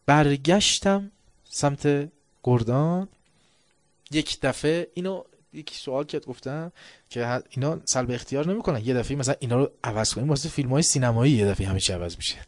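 A man preaching a sermon, telling a story and dropping to a low, hushed tone on reflective passages. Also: no echo.

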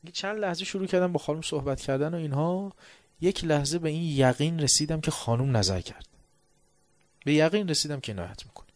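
A man preaching a sermon, telling a story and dropping to a low, hushed tone on reflective passages. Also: no echo.

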